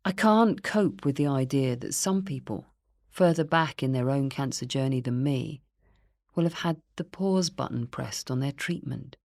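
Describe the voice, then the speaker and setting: A woman with a low, deep-set voice reads her own memoir aloud in a quiet, earnest, reflective way. The recording is close and dry, with no room sound. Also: unhurried, no room sound. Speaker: memoir narrator. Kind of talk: first-person memoir reading.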